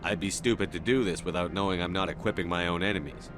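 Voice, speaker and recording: A man's voice: sits low, fast, over loud music, close to an everyday voice. A man playing a firm, no-nonsense military investigator in a video game, direct and terse. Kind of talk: video game character dialogue.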